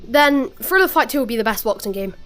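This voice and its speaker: A woman's voice: on the high side, animated, quick pace, background noise. A woman giving casual commentary on her own gameplay, breathing heavily from exertion. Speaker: gamer narrating own gameplay. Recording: music behind the voice. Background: game music and announcer.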